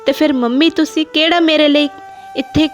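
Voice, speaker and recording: ਇੱਕ ਔਰਤ ਵੱਲੋਂ ਨਿਭਾਇਆ ਨਿਡਰ ਛੋਟਾ ਮੁੰਡਾ. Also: female voice, high voice, fairly even intonation, moderate pace, soft background music, pitched above the performer's own voice, close to an everyday voice. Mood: cheeky. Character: bold young boy standing up for grandmother.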